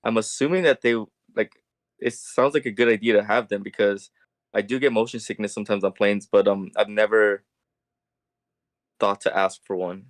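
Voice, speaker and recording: A man co-hosting a casual podcast, relaxed and quick to laugh. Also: lowish voice. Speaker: podcast co-host. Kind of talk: casual chat.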